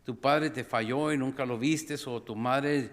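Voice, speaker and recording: A middle-aged man preaching a sermon as pastor, animated, acting out scenes with sudden cries and calling the congregation brothers and sisters. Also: mid-range voice, a little slow. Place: church sanctuary. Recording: long reverb of a church hall.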